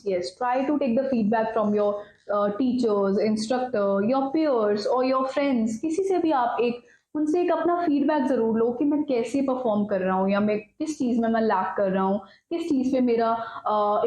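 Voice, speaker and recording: Her voice is high and a little mellow, recorded roughly in an echoey room. She's a woman coaching students on exam speaking, advising them directly in a blend of Hindi and English and addressing viewers as "guys".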